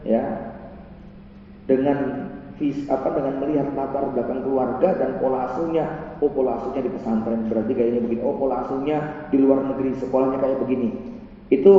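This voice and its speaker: A man's voice: mid-range voice, slight background noise. A man giving a pre-marriage religious lecture, telling stories and acting out the voices of the people in them. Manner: animated storytelling, acting out quoted voices. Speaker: preacher. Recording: echoey hall, distant mic, dull sound.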